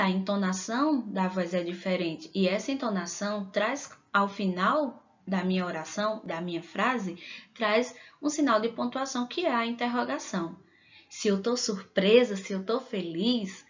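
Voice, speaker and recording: A Brazilian woman teaching a video lesson to young children, slow and encouraging. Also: mid-range voice, highs cut off. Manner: warm, encouraging, slow and drawn-out teacher talk. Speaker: primary school teacher.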